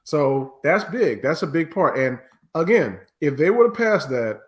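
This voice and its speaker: A man's voice: fairly high pitch, big pitch swings, measured pace. A man with an American accent giving opinions as a panelist in a casual political podcast discussion, argumentative and sometimes swearing.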